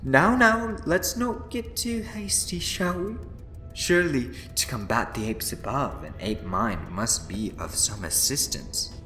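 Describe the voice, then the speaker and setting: A man's voice: medium pitch, lively intonation, unhurried, pushed and bright. A man playing a sly, fussy, meddling schemer in a fan audio drama, with a wheedling, theatrical manner. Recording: echoey room, music behind.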